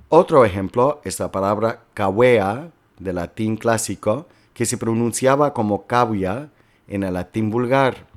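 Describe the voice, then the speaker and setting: A man with a fairly low voice delivers a recorded lecture. He explains in a measured, careful way, walking through one example after another like a patient teacher. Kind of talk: recorded lecture on historical linguistics.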